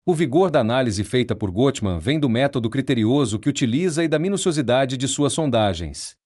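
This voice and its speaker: A man reading a nonfiction book aloud in a measured, steady, explanatory way. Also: medium pitch. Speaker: audiobook narrator.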